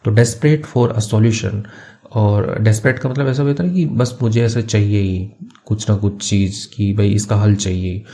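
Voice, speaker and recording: A man teaching through a story, reading phrases slowly and then explaining them quickly and casually in Hindi. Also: lowish voice, warm tone. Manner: casual, with fillers like "theek hai". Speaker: English teacher.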